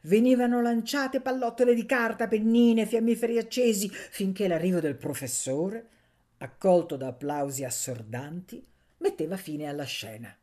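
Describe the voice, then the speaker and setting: A woman reading a classic novel aloud for radio in a measured, expressive way. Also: medium pitch. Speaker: audiobook reader.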